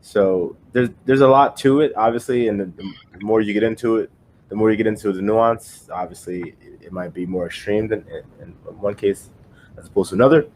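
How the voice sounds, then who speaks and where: Low-voiced man musing, full of fillers. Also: fairly quick, a little mellow, a little hiss or hum. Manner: rambling, many fillers and restarts. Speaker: podcast co-host. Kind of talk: casual opinion chat.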